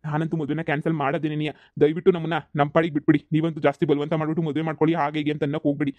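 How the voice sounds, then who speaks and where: A man's voice: a little high, flat delivery, no room sound, lo-fi sound, natural voice. Fields: Figure: stubborn young groom, voiced by a man. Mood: stubborn, fed up. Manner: insistent, repetitive, fast-talking. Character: stubborn young groom calling off his wedding.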